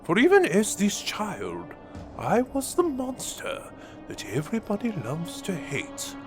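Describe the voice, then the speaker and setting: A man's voice: a little high, heavily acted. A man playing a menacing, gloating villain mastermind in a fan audio drama monologue, with a sneering, theatrical delivery. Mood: grandiose. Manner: theatrical, sneering, drawn-out delivery swinging between whispers and outbursts.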